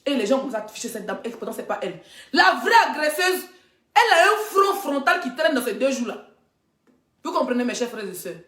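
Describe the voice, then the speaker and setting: A woman blogger in a live social media rant, loud and mocking, often laughing as she talks. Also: high-pitched, sing-song, brisk, roomy sound. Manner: mocking, loud, laughing through her talk. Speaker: blogger and influencer.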